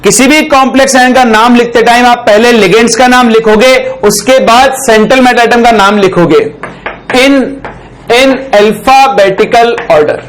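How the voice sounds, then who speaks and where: A man teaching a chemistry lesson in a very high voice. He keeps asking his students a question and answering it himself. He dictates some phrases slowly, word by word, for them to copy down. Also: a bit bright, slight background noise, low-quality recording. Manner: dictates slowly while writing on a board; ends phrases with a checking "ठीक".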